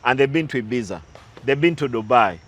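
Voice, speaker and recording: A man's voice: medium pitch, lively intonation, a little fast, a bit bright, breathy edge. A man talking through recent football matches as a pundit, analytical and prone to side stories, with some restarts. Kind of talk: casual sports talk.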